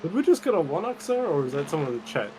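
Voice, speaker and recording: A man's voice: fairly high pitch, sing-song, racing. A man in casual voice-chat banter, joking and chatting as he drives a sim race. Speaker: sim racing driver streaming a team endurance race. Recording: noisy game-audio background.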